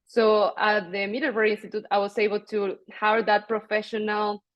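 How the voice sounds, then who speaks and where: A woman's voice: medium pitch, flat delivery, moderate pace, no echo. A woman in her thirties from Mexico, a native Spanish speaker, chatting informally about her own path as a panelist. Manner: chatty, conversational, quotes herself in retellings. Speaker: panelist, international development professional. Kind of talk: informal panel talk, personal career story. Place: online video panel.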